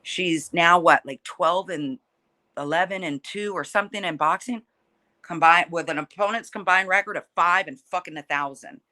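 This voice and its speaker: Feisty, forceful woman fighter with a bright voice. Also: fairly low pitch, normal speed. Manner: feisty, combative and blunt, swearing freely. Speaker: professional fighter interviewed. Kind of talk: casual, heated trash talk in an interview.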